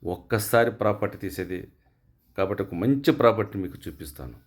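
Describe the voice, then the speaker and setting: A man's voice: lowish voice, animated, fairly quick. A man working as a real estate agent gives a property tour and talks straight to his viewers, pushing a sale and repeating himself. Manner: salesy, repetitive, direct appeals to viewers.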